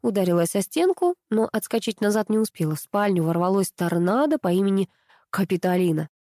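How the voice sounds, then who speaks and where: A woman narrating a comic detective novel in the first person, with a lively, expressive reading. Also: mid-range voice, a little fast, no echo, clean studio sound. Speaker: audiobook narrator.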